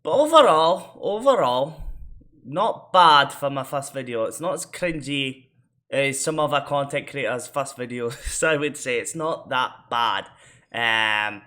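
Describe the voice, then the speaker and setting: A man's voice: mid-range voice, animated, a little slow, bright, forceful tone. A Scottish man vlogging in a casual, rambling way, with lots of fillers and restarts. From Scotland. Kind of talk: casual reflective chat.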